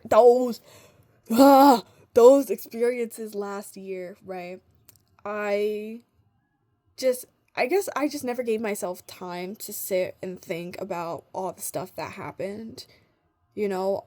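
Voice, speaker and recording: A woman vlogger speaks to camera in loose, stream-of-consciousness chat, circling back on her own phrases and restarting sentences. Her pitch sits in an ordinary middle range. She swears casually and leans hard on repeated words for emphasis. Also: a little mellow. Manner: emphatic, repetitive, swears freely. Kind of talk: casual rambling monologue to the viewer.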